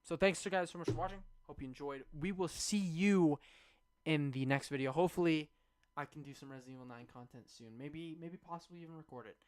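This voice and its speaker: A man's voice: a little high, fairly quick, clear, resonant tone. A young man streaming, rambling enthusiastically through a casual game review, with many fillers and restarts. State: hiccuping.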